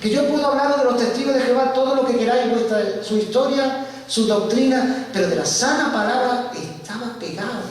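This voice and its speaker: A man giving a church testimony, telling his story with animated, acted-out dialogue. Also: extremely high pitch, a little fast. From Spain. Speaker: guest speaker giving testimony. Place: large church hall. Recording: echoey church hall from far off, faint hiss.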